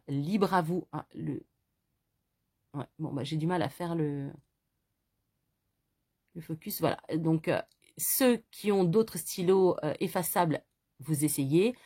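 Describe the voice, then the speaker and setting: A woman's voice: fairly low pitch, darkish tone, slightly rough. A woman casually presenting a product to camera, chatty and self-mocking, with many hesitations. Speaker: vlogger presenting a notebook.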